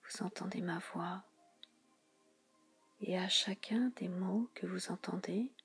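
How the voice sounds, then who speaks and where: A woman guides a relaxation hypnosis in a soothing, spa-like whisper, hushed and breathy, with slow repetitive phrasing and frequent pauses. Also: on the low side, faint music behind.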